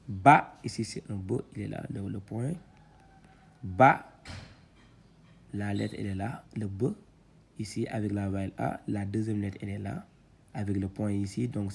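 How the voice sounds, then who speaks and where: A man teaching Quran reading, patiently spelling out syllables one at a time, louder when he sounds them. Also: fairly low pitch, creaky, slightly rough. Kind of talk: slow letter-by-letter reading lesson.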